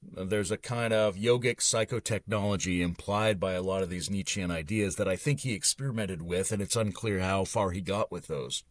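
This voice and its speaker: Low-voiced man explaining philosophy fluently. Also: normal speed, dry recording. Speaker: podcast guest, author. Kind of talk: philosophical conversation.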